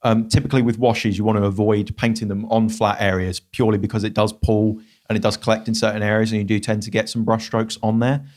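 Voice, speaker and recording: Young man giving quick painting advice. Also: lowish voice, little pitch movement, a little mellow. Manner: explanatory, measured advice. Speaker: miniature painting co-host. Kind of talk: casual feedback chat. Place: small studio room. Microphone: podcast mic on boom arm.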